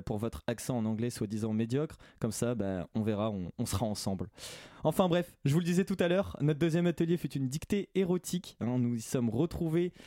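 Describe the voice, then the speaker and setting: A man's voice: mid-range voice, dark tone, dry recording, clean studio sound. A man hosting a radio show, presenting casually and hesitantly with many filler sounds. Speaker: radio host.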